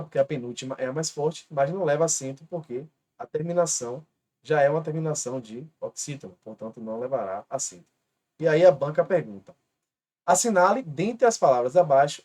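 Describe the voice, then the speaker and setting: A man's voice: medium pitch, warm tone. A man with a Brazilian Portuguese accent teaching an online grammar lesson, patiently spelling out rules step by step. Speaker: exam-prep teacher.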